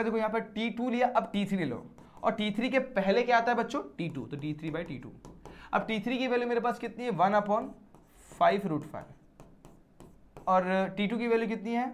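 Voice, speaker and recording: A male maths teacher explaining problems step by step in a classroom lecture, often putting questions to his students. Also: sits high.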